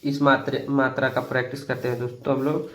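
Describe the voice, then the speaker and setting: A man teaching beginners to read Hindi, patiently repeating each word slowly and addressing viewers as friends. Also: medium pitch, level tone, fairly bright tone.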